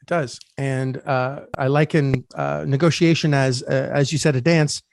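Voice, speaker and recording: A man's voice: mid-range voice, level tone, moderate pace, vocal fry, darkish tone, dry recording, studio quality. Canadian man, candid podcast host. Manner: candid storytelling, swears casually. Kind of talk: casual podcast chat.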